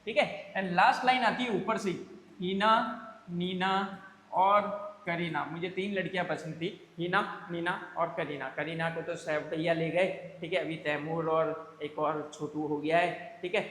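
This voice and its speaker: A man's voice: on the high side, steady tone, normal speed, few pauses, a bit bright. A male teacher giving a playful classroom lecture, teaching with comic memory tricks and calling his students "beta". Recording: echoey classroom with long reverb.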